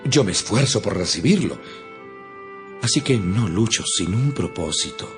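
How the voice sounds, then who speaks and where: Man acting a solemn, deep-voiced apostle preaching over music. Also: expressive, normal speed, lightly acted. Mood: earnest, resolute. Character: apostle Paul, earnest, stern male preacher to his flock. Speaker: Bible reader voicing the apostle Paul. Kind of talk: dramatized audio Bible, solemn scripted narration. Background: music behind the voice.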